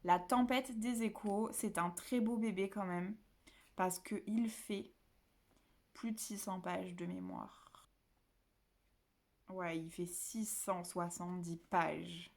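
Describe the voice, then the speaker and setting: A woman's voice: fairly low pitch, fairly even intonation, slow, long pauses. A woman from the south of France chatting casually to camera about her books at home, rambling with many fillers and restarts. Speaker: book vlogger.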